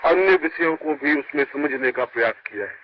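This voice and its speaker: A man giving a sermon as a spiritual guru to his disciples, emphatic and swooping between high and low, heard from an old worn tape recording. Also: fairly quick. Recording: muffled hissy old tape.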